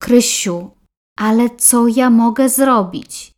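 A woman doing a dismissive busy son, impatient, slow-spoken. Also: fairly high pitch, darkish tone.

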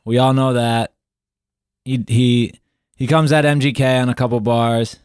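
Man, mid-pitched, podcast co-host, rambling recap, dry close sound. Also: little pitch movement, unhurried, a little mellow, smooth, no room sound. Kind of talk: casual podcast chat.

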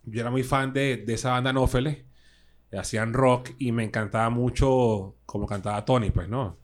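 A man with a Caracas Venezuelan accent, a guest musician telling stories in animated, slangy casual chat with lots of fillers. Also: medium pitch, normal speed. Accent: Venezuelan Spanish (Caracas).

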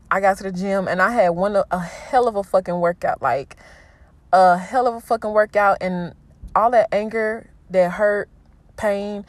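A young woman hosts her own podcast in a candid solo monologue. She talks bluntly and swears freely while urging listeners to keep going. Her voice sits at an ordinary pitch in a dry, close recording. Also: no room sound. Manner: candid and profane, motivational. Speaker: podcast host.

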